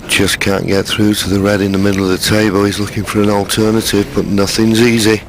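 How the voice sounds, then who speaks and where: A man giving hushed, measured live snooker commentary in short phrases. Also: on the low side, level tone. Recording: crowd ambience and faint noise. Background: snooker arena audience.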